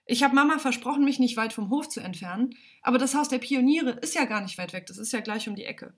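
A woman's voice: a little high, expressive, quick pace, fairly bright tone, pitched above the performer's own voice. A woman voicing a small, earnest boy who explains himself eagerly in a children's story.

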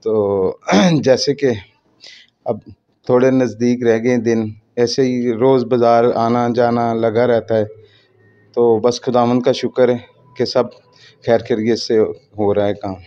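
A man from Pakistan, a guest at home, describing his preparations in a steady, matter-of-fact way. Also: medium pitch, takes it slowly, clear, resonant tone. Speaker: interview guest. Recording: slightly dull lo-fi audio.

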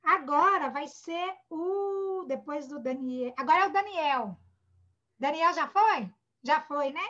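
A Brazilian primary school teacher takes it slowly, her high, bright voice full of lively intonation. With patience and tenderness, she sounds out words syllable by syllable for young children in an online class. Her Brazilian Portuguese accent comes through a computer or phone mic on a video call, sounding dull and muffled.

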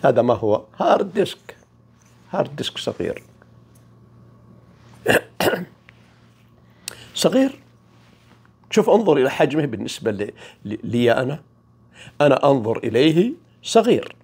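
A man gives an informal spiritual talk in a gravelly, husky voice. His pitch rises and falls widely, and he moves from loud emphasis down to near-whispers. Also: sing-song, normal speed, pauses often. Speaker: spiritual teacher.

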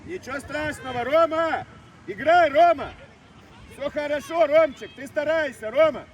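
A man coaching a youth football team, shouting instructions and encouragement to players during a match on an outdoor pitch. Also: moderate pace. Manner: loud, urgent, encouraging shouts. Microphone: far camera. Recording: distant mic, crowd and noise behind.

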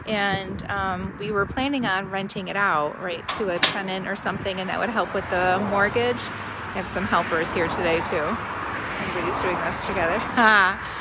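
A woman's voice: medium pitch, steady tone, moderate pace. A middle-aged woman chatting casually to her followers in an informal live vlog, talking them through things on a handheld phone outdoors. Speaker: small business owner vlogging. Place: outdoors in a driveway beside a road. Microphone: handheld phone at arm's length. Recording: noisy outdoor phone audio, passing traffic.

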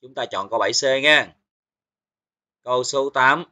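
A man's voice: mid-range voice, normal speed, sharp tone. A man teaching physics, going through exam questions one by one and checking in with his students often. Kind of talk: exam review lesson.

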